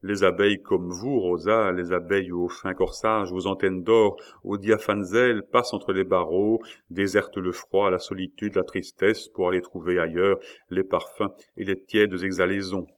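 A man's voice: low-pitched, steady tone, normal speed, few pauses, lightly acted. A man reading an audiobook who voices a lovesick young prisoner in a lyrical, impassioned manner. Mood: melancholy.

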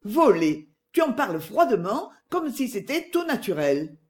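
A reader voicing a defiant, ironic middle-aged woman with sharp, indignant retorts, in an audiobook. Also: fairly high pitch, sing-song, a little slow, pitched above the performer's own voice. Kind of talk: audiobook dialogue.

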